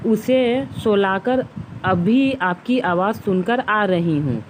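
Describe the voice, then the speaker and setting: A woman's voice: mid-range voice, takes it slowly, a little hiss or hum, close to an everyday voice, low-quality recording. A woman voicing a dutiful, polite young daughter-in-law in a family storybook tale. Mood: worried.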